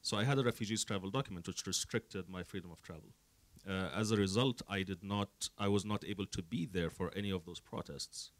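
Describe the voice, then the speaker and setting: Deep, earnest man from the Emirates. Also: brisk, dry recording. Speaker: panel guest, activist. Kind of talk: panel discussion answer.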